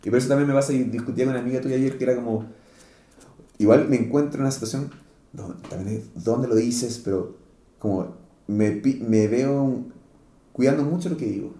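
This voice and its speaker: A man's voice: mid-range voice, fairly quick, warm tone, reverberant. Rambling Chilean man, slangy chat. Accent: Chilean Spanish. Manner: rambling, slangy, many restarts and fillers. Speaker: podcast host. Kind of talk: casual chat.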